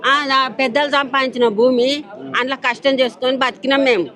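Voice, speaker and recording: A woman's voice: high-pitched, level tone, fairly quick, fairly bright tone. An older woman farmer, crying as she pleads in a street interview. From Telangana. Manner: pleading, distressed, rhetorical questions. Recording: crowd noise behind.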